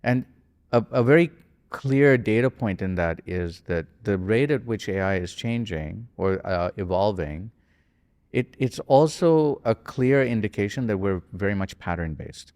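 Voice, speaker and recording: A low-voiced man in his forties talks on a podcast, his pitch rising and falling with feeling. He rambles thoughtfully and corrects himself as he goes, and the sound carries a long hall-like reverb. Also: lively intonation, unhurried, a little mellow. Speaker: podcast guest. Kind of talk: casual conversation.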